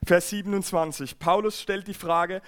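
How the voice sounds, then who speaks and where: A man's voice: sits high, steady tone, moderate pace, fairly bright tone. A man preaching a church sermon, earnest and emphatic, often repeating and restarting phrases. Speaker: pastor. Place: church service.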